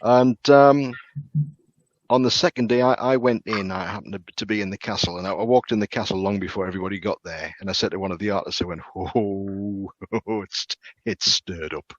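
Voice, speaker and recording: A man with a lowish voice tells ghost stories in a halting way, stumbling over words and filling gaps with ums. The sound is dry and muffled, close and dead, with little brightness. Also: no room sound. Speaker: castle guide. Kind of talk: casual storytelling.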